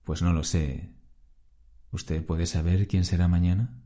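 A man voicing an enigmatic old man of about eighty who answers calmly and cryptically. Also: low-pitched, unhurried. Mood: calm, cryptic. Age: older.

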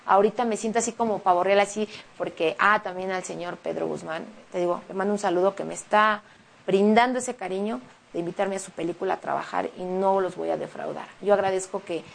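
Chatty Mexican woman with a gravelly voice. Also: mid-range voice, slight background noise. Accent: Mexican Spanish. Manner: chatty and emotional, quick animated retelling. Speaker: interview guest, singer and actress. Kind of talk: casual interview chat.

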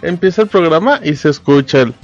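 Teasing Mexican man with a high voice. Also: lively intonation, brisk, lo-fi sound, soft background music. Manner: teasing, playful. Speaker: podcast co-host. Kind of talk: casual live podcast banter.

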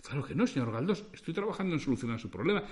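A man's voice: on the high side, sing-song, very fast, a little mellow. A man voicing a polite, composed male call-centre operator who speaks formally and reassuringly.

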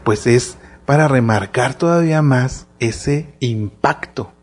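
A man's voice: medium pitch, takes it slowly. A man co-hosting a casual religious discussion podcast, speaking reflectively and pressing on the lesson he wants to draw. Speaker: podcast co-host.

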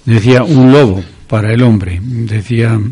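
A man hosting a religious talk program, asking questions and summing up points in a measured, thoughtful way with some hesitations. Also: medium pitch, mellow, breathy edge.

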